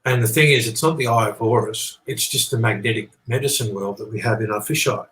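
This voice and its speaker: A man with a mid-pitched voice talks as an interview guest in a roomy, echoing space. He explains things earnestly and loosely, circling back over his points and checking that the listener follows. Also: fairly quick, fairly bright tone. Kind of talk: rambling explanatory conversation. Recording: echoey, roomy sound.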